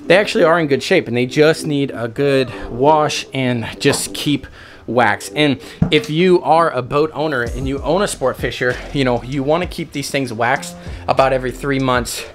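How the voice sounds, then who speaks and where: A cheerful young man who owns a boat detailing business films a casual how-to vlog on a handheld camera held at arm's length, talking straight to the lens with lots of "guys" and relaxed fillers. He speaks at a middle pitch and a normal pace with few pauses, outdoors at a sunny marina, with faint music playing underneath.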